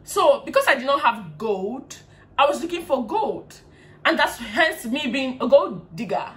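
A young woman with a Nigerian English accent telling a storytime vlog casually, animated and often laughing while mimicking others. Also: sits high, a little slow. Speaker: vlogger.

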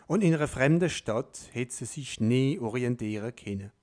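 A man reading a dialect story aloud in a deliberate storytelling manner. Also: mid-range voice, animated, a little mellow.

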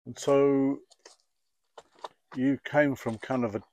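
A man's voice: mid-range voice, steady tone, slow pace, darkish tone. A man conducting a casual walk-and-talk interview outdoors, asking loose questions full of fillers like "kind of" and "sort of".

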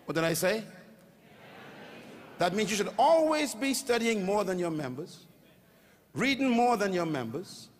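Preaching a sermon on a large stage with a handheld mic, this older pastor from the Bahamas speaks a little slowly and pauses often. His high voice swings widely in pitch and builds to shouts as he calls for the congregation's answers, each line echoing through the hall.

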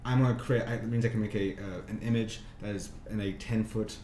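A man's voice: lowish voice, steady tone, quick pace, a little mellow, slight background noise. Hesitant man player in a roomy space. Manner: hesitant, explaining rules. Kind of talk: casual tabletop gaming chat.

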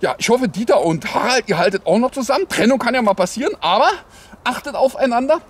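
Improvising satirical takes on the headlines, this male parody news anchor rambles in a sarcastic, mock-naive style while standing outdoors in the cold as host of his satirical show. His pitch is extremely high, his intonation lively, his pace quick.

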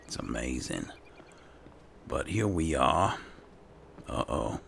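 Over a video game, a gaming video host offers casual roleplay commentary, musing to himself in a laid-back way. His voice is a rumbling low one, fairly bright in tone, sing-song and slow. The game's ambience comes through clearly behind him.

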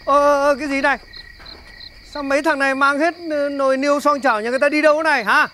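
An actor playing a fussy village head who gives brisk, scolding orders in a comedy sketch. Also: sits high, fairly even intonation, pushed and bright, slight background noise. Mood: commanding. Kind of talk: slapstick comedy sketch acting.

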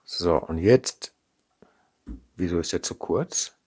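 His voice sits low and sounds a little mellow and slightly rough, animated yet slow-paced. This middle-aged Ruhr native, speaking with a Ruhr German accent, thinks aloud and chats while showing how he puts a model kit together at his indoor workbench, often adding a questioning "ne?". A camera mic above the tabletop records the unscripted demo, with his hands in frame.

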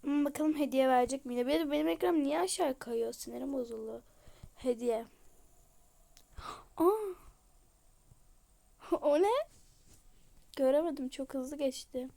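A high-pitched woman talks her viewers through a game. She reacts excitedly to each new find and gushes over the cute items. Her commentary is casual and chatty. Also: measured pace, vocal fry, pauses often. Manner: excitable, gushing exclamations. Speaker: game vlogger.

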